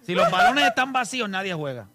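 A middle-aged man with a Puerto Rican accent hosting a casual sports talk show, loud and joking. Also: high voice, wildly swooping pitch, quick pace, very noisy. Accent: Puerto Rican Spanish. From Puerto Rico. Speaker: radio sports show host.

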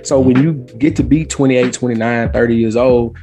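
This former rapper, appearing as a podcast guest, tells stories casually in a mellow, medium-pitched voice with fairly even intonation and a moderate pace. He is emphatic and repeats phrases for effect. Music plays behind his voice.

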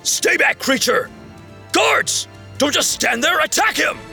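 A cowardly evil old king, as a woman puts him on, with a very high, bright, swooping voice and a gravelly edge. He yelps and pleads in a frantic, shrill way. Soft music plays behind. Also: sing-song, slow pace, heavily acted. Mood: panicked.

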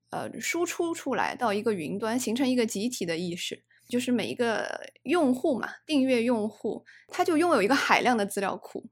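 A woman hosting a podcast, chatting casually with her guests and asking them questions. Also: on the high side. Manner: asks guests questions, laughs easily. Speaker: podcast host. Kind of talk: casual chat.

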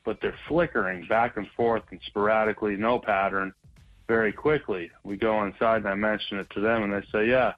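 A man's voice: on the low side, fairly even intonation, a little fast. A man caller leaving a matter-of-fact voicemail story, heard over a phone line. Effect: heard over a phone line as a played voicemail. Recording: tinny phone line, faint music.

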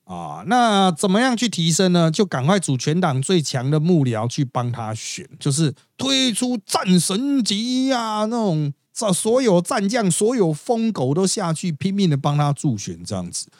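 Lively Taiwanese-accented man, gossipy host. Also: high-pitched, moderate pace, few pauses, no echo, studio quality. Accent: Taiwanese Mandarin. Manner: chatty, gossipy, wry storytelling. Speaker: podcast host. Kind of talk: casual political commentary.

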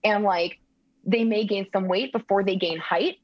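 A woman's voice: mid-range voice, steady tone, normal speed, no echo. A woman co-hosting a podcast in casual conversation, earnest and rambling with lots of fillers. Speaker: podcast co-host. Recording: dry, dull lo-fi sound.

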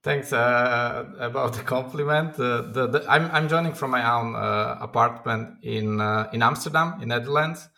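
A man's voice: mid-range voice, moderate pace, vocal fry, hardly any pauses, pushed and bright. A man talking as a guest on a podcast from his own apartment over a video call, hesitant with many restarts and fillers. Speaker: guest, company founder. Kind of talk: casual interview chat.

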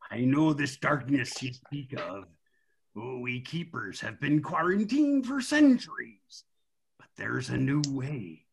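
A gruff old sailor lighthouse keeper. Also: male voice, mid-range voice, a bit bright, heavily acted. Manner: growling pirate-style speech.

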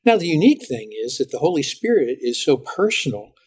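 A middle-aged man, a pastor, talking as a guest in a podcast interview and telling lively stories with frequent restarts. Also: on the high side, a little fast, husky. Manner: animated storytelling with lots of restarts.

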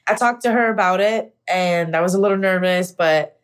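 With a lowish voice and a moderate pace, a young woman from the United States, an actor, opens up about her story in an interview. Her monologue is candid, reflective, and loaded with casual fillers.

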